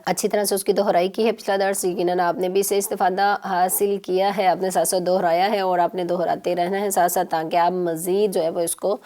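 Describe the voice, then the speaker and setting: A woman teaching children on a TV lesson, patient and coaxing, repeating syllables slowly. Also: on the low side, flat delivery, mellow. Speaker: Quran teacher.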